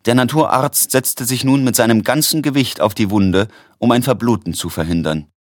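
A man narrating a story in an expressive audiobook reading. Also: mid-range voice, moderate pace, dry recording, clean studio sound.

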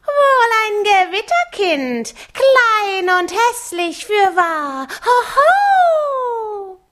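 Slow, measured woman storyteller. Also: a little high. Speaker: narrator. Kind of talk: audiobook reading.

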